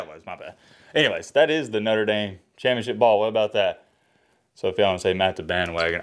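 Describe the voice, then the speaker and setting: A man, giving an exasperated, emphatic game breakdown as a sports fan host. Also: mid-range voice. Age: 20s. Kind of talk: ranting game breakdown to camera. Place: home room, indoors.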